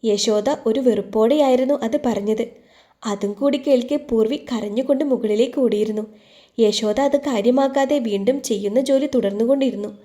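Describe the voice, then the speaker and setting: Woman storyteller, mellow and fairly high voice, steady expressive reading. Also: fairly quick. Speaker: story narrator. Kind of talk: scripted storytelling narration.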